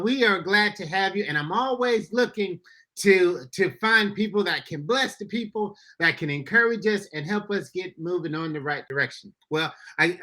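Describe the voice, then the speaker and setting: A man's voice: sits high, bright, forceful tone. A man, a pastor, hosting a casual podcast chat in an upbeat, folksy way, talking to listeners as y'all. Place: Florida.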